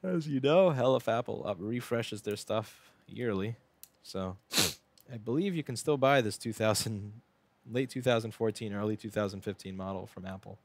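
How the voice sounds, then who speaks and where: Repair shop owner, low and gravelly, chatty live commentary to viewers. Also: male voice, moderate pace, a little mellow. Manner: casual, chatty, talks to chat while working.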